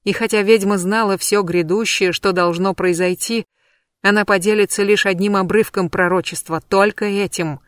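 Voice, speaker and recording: A woman narrates a dark fantasy audiobook in a measured, dramatic reading. Her voice sits at an ordinary middle pitch. The recording is dry and close, with no room sound. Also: steady tone, no room sound. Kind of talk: scripted narration.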